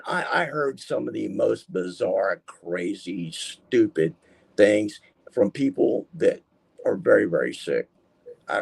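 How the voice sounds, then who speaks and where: A gravelly, husky middle-aged man talks through his story as a guest in a casual interview. He rambles and presses hard on his words, slipping into the voices of the people he quotes. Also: mid-range voice, a little mellow. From Texas, US. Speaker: podcast guest.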